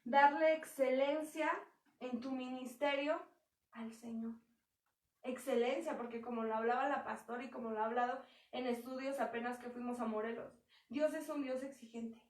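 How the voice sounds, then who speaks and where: Young woman, conversational sermon, high pitch, roomy hall sound. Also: steady tone, normal speed, a little mellow. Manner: conversational preaching with acted quotes. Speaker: church speaker. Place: church hall. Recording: echoey hall from far off.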